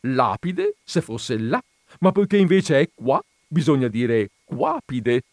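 A man putting on a jovial punning gentleman. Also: medium pitch, very animated, a little slow, no echo, clean studio sound, pitched above the performer's own voice. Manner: jovial, cheerfully pleased with own puns.

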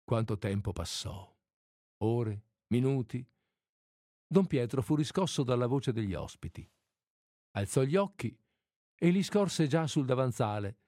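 Casting: male reader, expressive storytelling, lively pitch, dry close recording. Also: a little slow, long pauses, no echo. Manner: expressive, dramatic narration. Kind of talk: literary reading aloud.

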